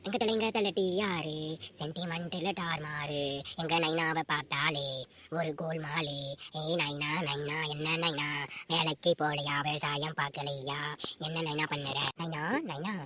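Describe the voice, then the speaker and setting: A woman's voice: low-pitched, fairly even intonation, a little slow, a bit bright. A woman voicing a playful, carefree village girl in a cartoon comedy, teasing and singing to herself. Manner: teasing, sing-song.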